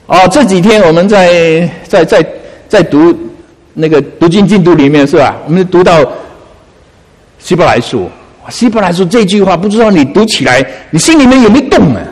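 Pastor guy preaching in a church hall, voice jumps all over, keeps asking the crowd stuff. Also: sits high. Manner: animated, coaxing, asks listeners questions. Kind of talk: sermon.

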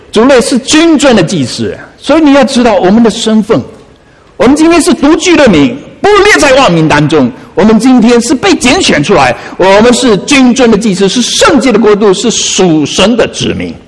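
A man preaching a sermon as pastor, coaxing and animated, often asking his listeners questions. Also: extremely high pitch, husky, big-room sound.

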